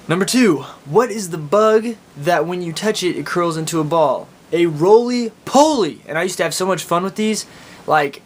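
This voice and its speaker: Higher-voiced Oklahoma man, casual vlogger. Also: normal speed. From Oklahoma, United States. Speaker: video blogger. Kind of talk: casual chat to camera, answering accent tag questions. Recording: steady background noise with low rumble.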